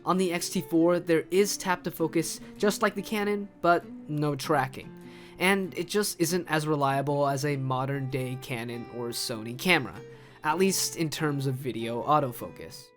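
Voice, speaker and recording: A man's voice: fairly high pitch, moderate pace, a bit bright, faint music behind. A man with a cold, sounding muffled, hollow and stuffed up in the nose, narrating a casual, conversational video review. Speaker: host, camera reviewer.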